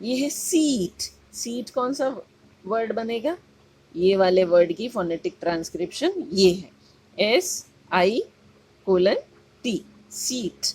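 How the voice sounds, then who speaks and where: A woman teaching phonetics in a measured classroom style, with a slightly husky voice. She talks slowly and stretches each vowel and example word to make it plain. Her pitch sits in an ordinary middle range. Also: lively intonation, darkish tone. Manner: drawn-out, emphatic sounding of vowels and words. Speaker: English teacher.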